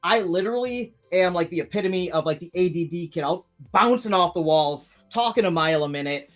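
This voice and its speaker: With faint music playing behind him, a man in his thirties hosts a live stream in a high, animated, brisk voice. He reads viewer comments and chats casually, rambling and often restarting.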